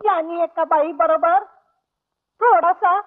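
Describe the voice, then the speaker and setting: An actress playing a sly young woman who tells tales in a slow, sing-song way, on a tinny old film soundtrack. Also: extremely high pitch. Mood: tattling.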